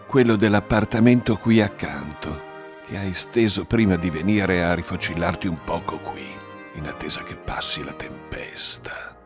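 A man's voice: low-pitched, normal speed, soft background music, close to an everyday voice. A man voicing a tough, commanding male police commissioner who snaps out clipped orders. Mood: dry, accusing. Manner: barking orders, clipped and forceful.

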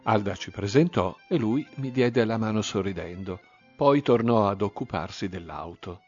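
A man reading a first-person story aloud in a measured, tender way, with quiet emotion. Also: fairly low pitch, lively intonation, dull audio, soft background music. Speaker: narrator. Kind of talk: scripted audiobook narration.

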